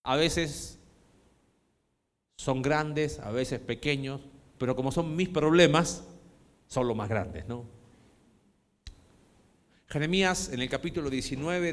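A man preaching a sermon as a pastor, moving from hushed, quiet passages to loud, impassioned ones. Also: mid-range voice. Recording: long hall reverb.

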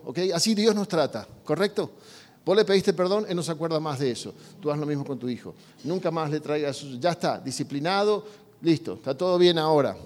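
Guy preaching, chatty, keeps asking the crowd questions, highish voice, long hall echo. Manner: conversational preaching with rhetorical questions. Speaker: pastor. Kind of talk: sermon on parenting.

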